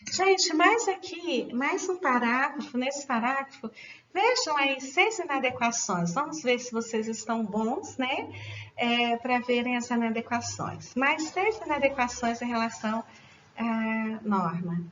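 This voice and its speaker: A Brazilian woman with a high voice teaching an online writing lesson. She explains step by step, circling back to rephrase and speaking straight to her students. The recording sounds slightly muffled and lo-fi. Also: expressive, a little slow, a bit bright, a little hiss or hum. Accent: Brazilian Portuguese. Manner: explanatory, repeats and rephrases, addresses students directly.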